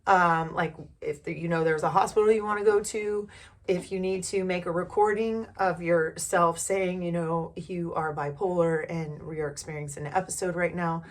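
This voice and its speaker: A woman's voice: fairly low pitch, fairly even intonation, normal speed. A woman talking candidly to the camera in a casual personal vlog, rambling with many fillers and restarts. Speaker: vlogger.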